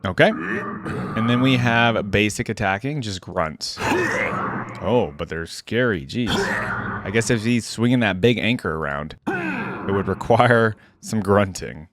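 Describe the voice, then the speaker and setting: A man giving casual reaction commentary as the host of a video, chatty and animated, with quick asides. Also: on the low side, very noisy.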